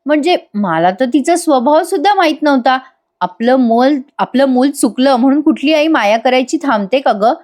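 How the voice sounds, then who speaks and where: A woman's voice: sits high, animated, normal speed, darkish tone. Woman reading a tender, yearning Marathi mother. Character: emotional middle-aged mother longing for lost daughter.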